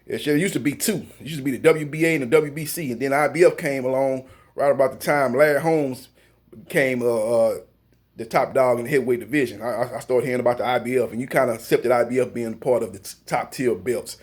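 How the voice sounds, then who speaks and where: A man's voice: medium pitch, steady tone, fast, breathy edge. A man hosting a boxing news channel, giving casual, rambling, opinionated commentary with many fillers and restarts.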